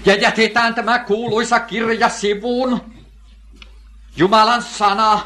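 A man's voice: sits high, flat delivery, pushed and bright, slight background noise. An older man preaching a sermon, emphatic, asking questions and answering them himself, repeating key phrases.

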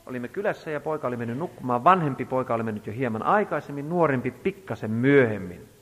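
A man preaching a sermon, telling a story in an emphatic, animated way. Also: medium pitch. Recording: reverberant hall.

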